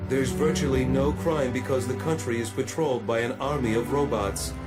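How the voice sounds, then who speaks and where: An actor playing a polite, erudite android superhero in a video game, speaking in a formal, precise, composed way. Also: male voice, mid-range voice, moderate pace, loud music behind the voice, close to an everyday voice.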